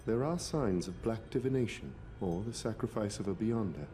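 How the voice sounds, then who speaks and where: An actor playing a businesslike investigator in an anime dub, giving measured, matter-of-fact reports. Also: male voice, on the low side, lively intonation, warm tone, faint music behind, lightly acted. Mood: sober, businesslike. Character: sober, businesslike investigator reporting to his captain.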